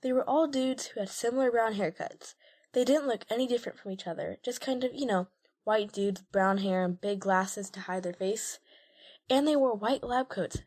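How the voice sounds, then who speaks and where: A woman voicing a matter-of-fact twelve-year-old kid who chatters quickly and offhandedly. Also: a little high, darkish tone, close to an everyday voice.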